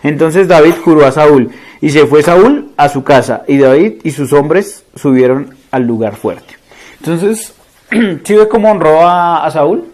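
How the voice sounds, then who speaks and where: A man's voice: a little high, a little slow, a little mellow. A man preaching with a Colombian accent, reading scripture aloud and then retelling it in casual everyday slang while putting questions to the congregation. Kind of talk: conversational sermon.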